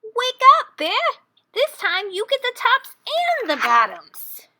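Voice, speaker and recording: A crafty storybook hare acted out by a woman. He is chirpy and persuasive, with a high, bright, swooping delivery. He always sounds eager to sell his scheme. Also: wildly swooping pitch, slow pace, creaky, full character voice. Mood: brightly triumphant. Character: eager, crafty male hare neighbor, smooth-talking schemer.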